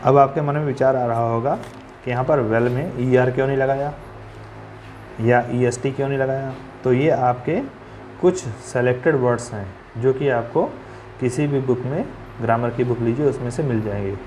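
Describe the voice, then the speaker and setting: A man gives a patient classroom grammar lesson at a middling pitch. He poses questions and answers them himself, spelling words out letter by letter. A faint noise sits under the recording. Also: fairly even intonation, moderate pace, darkish tone. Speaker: English grammar teacher.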